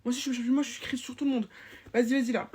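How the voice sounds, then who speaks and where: Husky-voiced woman in a comedy sketch. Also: a little high, steady tone, fast talker. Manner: teasing, chatty, swings between loud scolding and soft confiding. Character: chatty young female school supervisor. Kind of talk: point-of-view comedy sketch.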